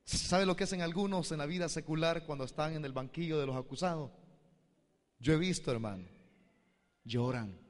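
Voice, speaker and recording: A man's voice: a little high, moderate pace, pauses often, big-room sound. A man pastor, preaching a sermon and addressing the congregation with questions. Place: church hall.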